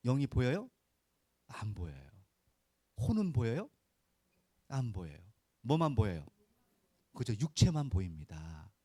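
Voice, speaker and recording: A mellow, medium-pitched voice rises and falls in a sing-song rhythm at a measured pace, pausing often, on a dry recording. The man preaches a folksy, casual Sunday sermon as a pastor, frequently putting brief rhetorical questions to his listeners and prompting them to reply.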